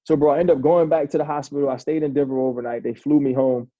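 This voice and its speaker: Dark husky man telling stories. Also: medium pitch, fairly even intonation, fast, dry recording, lo-fi sound. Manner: conversational, many restarts, calls host "bro". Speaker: podcast guest, former football player. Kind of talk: casual storytelling interview.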